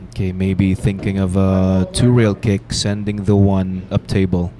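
Male billiards commentator, flat delivery, faint hiss behind. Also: low voice, unhurried.

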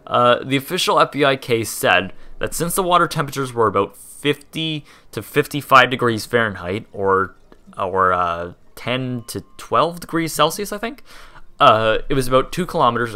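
A man's voice: mid-range voice, pushed and bright. A young man hosting a casual history video, chatty and rambling, laughing and tripping over words. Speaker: host.

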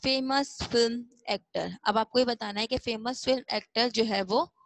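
A woman teacher with a fairly high voice walks young pupils through a lesson. She drills each word slowly and repeats it again and again, recorded close and dry with no room sound. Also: dry recording, poor audio. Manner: slow, repetitive, coaxing explanations. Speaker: school teacher. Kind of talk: classroom lesson.

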